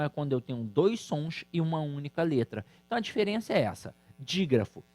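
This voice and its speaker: A man with a Brazilian Portuguese accent teaching an exam-prep grammar lesson, lively and emphatic, speaking straight to his students. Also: mid-range voice. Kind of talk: recorded online exam-prep lecture.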